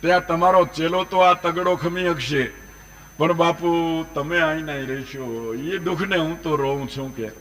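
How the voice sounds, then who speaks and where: A humble, clever village wife speaking softly with a pleading lilt, as a male storyteller puts her on. Her voice is bright and fairly high, with a gentle, coaxing manner in a spoken folk tale. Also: moderate pace, natural voice.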